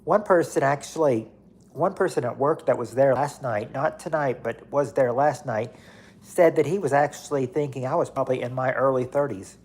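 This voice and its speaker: With a mid-range, darkish voice and a breathy edge, a man in his late thirties chats at normal speed on his livestream. He goes through viewer comments casually, rambling, repeating himself and filling gaps with fillers.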